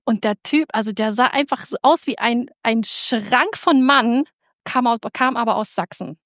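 Animated higher-voiced woman telling a story. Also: moderate pace, no room sound, studio quality. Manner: animated, excitable, with many restarts. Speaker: speaker giving a personal faith testimony. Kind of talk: lively storytelling to an audience.

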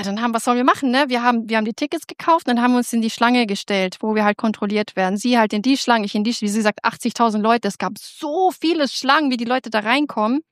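A woman telling an audience a lively personal faith story, excitable and full of restarts. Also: on the high side, no echo, studio quality. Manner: animated, excitable, with many restarts. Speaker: speaker giving a personal faith testimony.

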